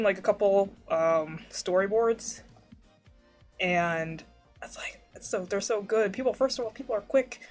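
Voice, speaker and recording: Streamer rambling at home, lots of ums, warbly suppressed mic, faint music behind. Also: medium pitch. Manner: rambling, many fillers and restarts. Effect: warbly noise-suppression artifacts. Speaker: livestreamer. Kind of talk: casual stream chat while drawing.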